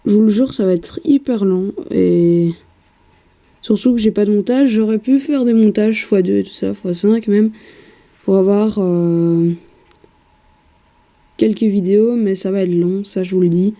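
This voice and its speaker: Very dark-voiced woman, hesitant and chatty. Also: medium pitch, a little slow, long pauses. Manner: hesitant, many fillers, chatty, swears casually. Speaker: miniature painter. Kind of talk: casual painting vlog. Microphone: camera mic.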